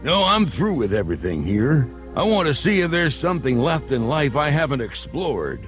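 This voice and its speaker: A man's voice: on the high side, sing-song, moderate pace, soft background music. A man playing an aloof, world-weary romantic hero, dramatic and dismissive, in a radio parody sketch. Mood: resolute.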